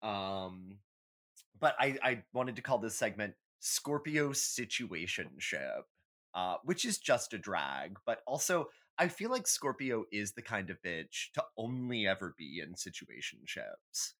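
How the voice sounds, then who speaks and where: Unhurried and on the low side, the man's fairly bright voice moves through big pitch swings. He co-hosts a podcast, joking casually about astrology with sass, strong opinions, and lots of cursing.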